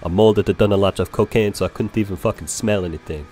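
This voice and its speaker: This man's voice sits on the low side, warm in tone, and he talks quickly. He's a role-play gamer telling a story in character through casual improvised chat, rambling and cursing freely as he goes.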